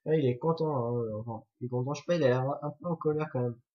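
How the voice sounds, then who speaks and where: A man's voice: medium pitch, quick pace. A man reviewing a toy set in a chatty, jokey way, correcting himself as he goes. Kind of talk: casual building commentary. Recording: dull lo-fi recording.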